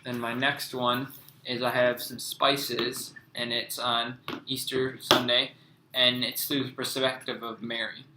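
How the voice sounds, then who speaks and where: Young man reading flatly in roomy echo. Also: medium pitch, measured pace, background noise. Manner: stumbling reading with restarts. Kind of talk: reading a class presentation aloud.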